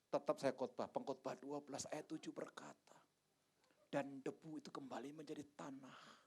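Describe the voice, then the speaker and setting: A man in his fifties from Indonesia, a pastor telling stories in a sermon, swinging from hushed asides to loud exclamations and acting out the dialogue. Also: medium pitch, fairly even intonation, normal speed, slightly rough. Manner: acts out dialogue in different voices. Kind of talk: sermon with personal testimony.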